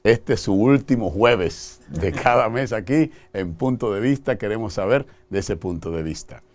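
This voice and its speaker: A man's voice: fairly low pitch, normal speed. A man from the Dominican Republic with a Dominican accent, hosting a TV talk show and growing emphatic as he tells stories. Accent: Dominican Spanish. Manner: expressive, grows emphatic telling stories.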